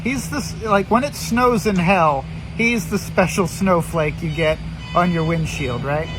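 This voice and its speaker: A man delivers a rambling, profane, scornful rant in a halting way, repeating words as he goes. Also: music in the background, low-quality recording. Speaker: solo ranter recording himself. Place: riding on a commuter train. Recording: loud train rumble and vehicle noise. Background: train noise and station announcements.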